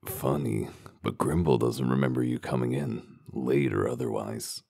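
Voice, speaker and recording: A man playing a gruff, world-weary wolf detective in a comic dub, with gravelly voice and dry, sardonic, interrogating delivery. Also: very deep voice, normal speed, a little mellow, no room sound, heavily acted. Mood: probing, dry.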